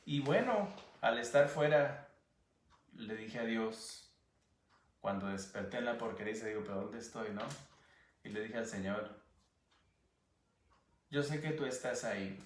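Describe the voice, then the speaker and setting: A man from Guatemala with a Guatemalan Spanish accent, giving an earnest personal testimony as an interview guest, sometimes pausing to search for words. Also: fairly low pitch, reverberant, distant mic, slight background noise. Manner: earnest, searching for words, animated when recounting.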